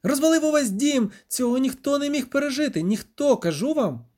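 Narrator voicing a panicky young bard, high, shrill, frantic yelling, audiobook. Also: male voice, animated, a little fast. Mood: panicked.

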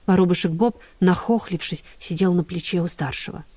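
A woman narrating a children's story in an expressive storybook style. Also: on the low side, a little fast, husky, dry recording. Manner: expressive, animated voices. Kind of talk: storybook reading.

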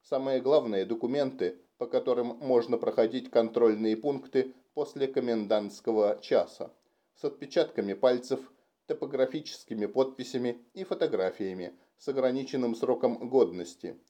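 A man's voice: medium pitch, normal speed, warm tone, dull audio, close to an everyday voice. A man voicing a proud, curt forty-two-year-old famous entertainer in an audiobook reading. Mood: businesslike. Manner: curt, businesslike.

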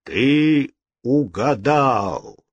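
A man voicing a solemn ghostly voice that speaks slowly and gravely. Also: mid-range voice, animated, dry recording, dull audio, full character voice. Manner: slow, grave, pronouncing. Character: solemn ghostly male voice from the dark.

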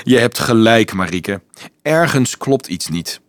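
A man's voice: medium pitch, lively intonation, slow pace, no echo, clean studio sound. A man voicing a serious, responsible teenage boy who mutters earnestly in an audiobook.

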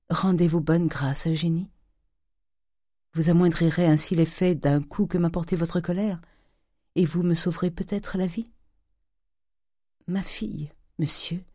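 A meek, suffering older wife pleading softly and slowly, in the woman reader's own low voice. Her words are gentle but steady, sometimes dropping almost to a hush. The reading is dry and close to the mic. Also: no echo. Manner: soft, pleading, slow.

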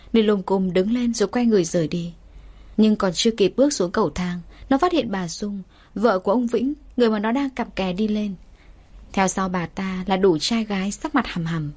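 A woman's voice: mid-range voice, a little mellow. Woman narrating a drama story steadily.

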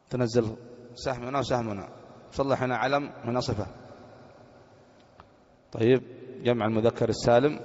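Male teacher, grammar class, monotone delivery, quizzes students; long reverb, muffled sound. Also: medium pitch. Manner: repeats points and quizzes students. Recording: dull recording with long hall reverb.

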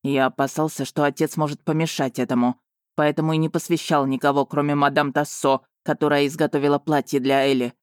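A reader playing a brooding duke from an audiobook, cool and terse, steady mid-pitched voice with a slow deliberate pull to the lines, recorded bone dry. he sounds guarded rather than loud, a noble who weighs every word. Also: clean tone, dry recording, close to an everyday voice. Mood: explaining. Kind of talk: audiobook character reading.

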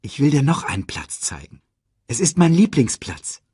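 A man's voice: medium pitch, big pitch swings, moderate pace, dark tone, husky, no room sound, clean studio sound, voice pushed up. A man voicing a young male lion who is carefree yet troubled, in a storybook audiobook. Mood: playful.

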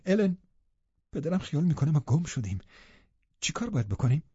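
A man's voice: a little high, big pitch swings, dark tone, breathy edge, no echo. A man voicing a frightened young woman in an audiobook, pleading in a tearful way. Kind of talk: audiobook character reading. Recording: dry, slightly dull studio audio.

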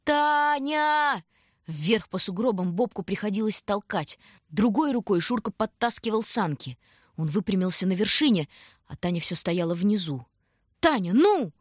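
A woman reading a story aloud in scripted, measured and dramatic narration. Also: medium pitch, slightly rough, no room sound, clean studio sound. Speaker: audiobook reader.

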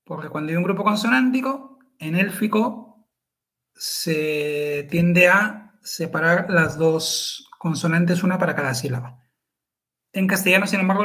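A man's voice: a little high, fairly bright tone. A man, co-hosting a podcast chat and explaining pronunciation carefully, syllable by syllable. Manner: careful and methodical, spells out syllables.

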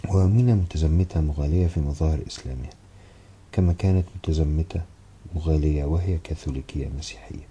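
Deep dark-toned guy reading a novel aloud, steady and measured, first person. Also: breathy edge. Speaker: audiobook narrator.

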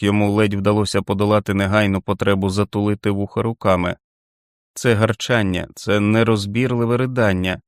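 A man narrating an audiobook in a steady, dramatic reading. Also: lowish voice, no echo, clean studio sound.

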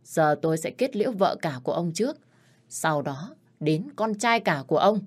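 Woman narrator voicing a cold young mob heir, mocking, calm menace. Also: on the low side, moderate pace, breathy edge. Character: cold ruthless young male heir of a crime family.

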